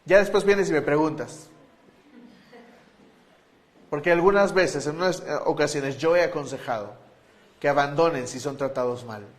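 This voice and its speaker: A pastor preaching a sermon to his church, emphatic, shifting between loud declarations and hushed appeals. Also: fairly high pitch.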